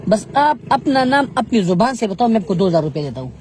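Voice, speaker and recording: A man's voice: high-pitched, very animated, quick pace, very noisy. A man, coaxing and pleading in a mock-tearful street confrontation. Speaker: street interviewer.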